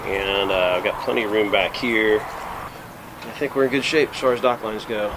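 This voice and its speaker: A man's voice: on the low side, steady tone, moderate pace. A man talking casually and methodically as a liveaboard sailor hosting a vlog. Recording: noisy boat recording with windy ambience.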